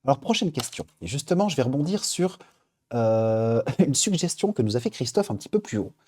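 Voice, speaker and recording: A man's voice: mid-range voice, big pitch swings, fairly quick, a little mellow. A man hosting a live stream, chatting casually as he reads out viewer suggestions. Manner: upbeat, chatty, thinking aloud. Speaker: livestream host.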